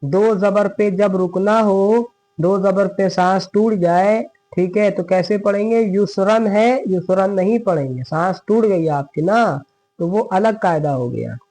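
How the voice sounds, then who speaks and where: A man with a fairly high voice teaches a recitation lesson at a steady, patient pace. He keeps asking questions and answering them himself. For each example verse he slows into a long, drawn-out chant. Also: low-quality recording. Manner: patient, repetitive, asks and answers his own questions.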